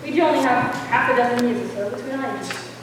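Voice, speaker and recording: A woman playing a brash, cheerful young gentleman in breezy, declamatory stage acting. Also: fairly high pitch, fast talker, background noise, natural voice. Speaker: actor in a stage musical. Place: school theatre stage, audience recording. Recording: echoey hall from far off.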